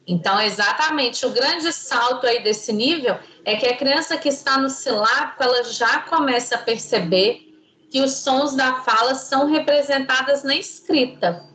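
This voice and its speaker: A woman's voice: high-pitched, normal speed, a bit bright, echoey room, a little hiss or hum, poor audio. A woman teaching an online class, patient and didactic, quizzing her students.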